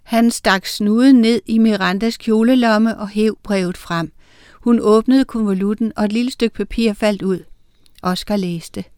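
Woman narrator, expressive children's storybook reading; smooth voice, dry close sound. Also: medium pitch, no room sound.

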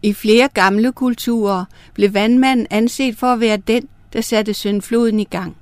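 A woman narrating star myths and a fairy tale for children, reading in a clear, gentle way. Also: on the high side, steady tone, no room sound. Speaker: storyteller.

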